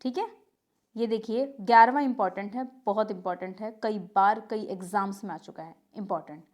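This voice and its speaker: A woman's voice: mid-range voice, fairly quick. A woman teaching a grammar lesson to exam students, narrating over a shared screen and often asking a question and answering it herself. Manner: repeats key terms as questions and answers them, says "ठीक है" often.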